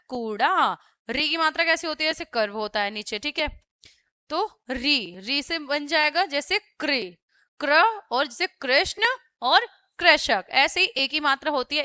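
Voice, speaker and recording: A young woman teaches a children's grammar lesson, patient and methodical, walking through each example in turn. Her voice sits high and bright. The recording is close and dry, with no room sound. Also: no room sound. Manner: patient, explains step by step, often says "theek hai".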